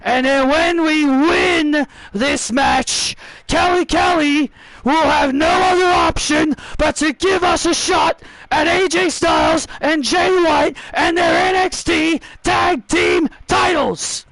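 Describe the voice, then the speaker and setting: A man voicing a brash male wrestler who shouts boastful trash talk at a crowd in a video game promo. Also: very high voice, slow, heavily acted, poor audio. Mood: taunting.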